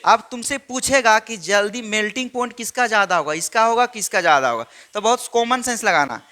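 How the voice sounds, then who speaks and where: Male chemistry teacher, high bright voice, classroom quizzing style. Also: lively intonation, a little fast. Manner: quizzing students with repeated questions. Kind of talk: classroom lecture.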